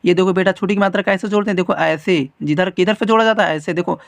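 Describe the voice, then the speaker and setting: A teacher hosting a children's writing lesson, patient and repetitive, calling the viewer "beta" and dragging out letter sounds slowly. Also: mid-range voice, creaky, no echo. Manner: drags out letter sounds slowly when demonstrating. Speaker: teacher and channel host.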